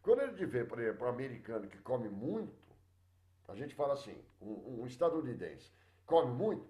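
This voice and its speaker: A middle-aged man with a Brazilian Portuguese accent teaching a sociology class live, chatting with his students and filling pauses with many hesitations. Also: medium pitch, big pitch swings, mellow, reverberant. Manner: chatty, addresses students directly, many fillers and restarts.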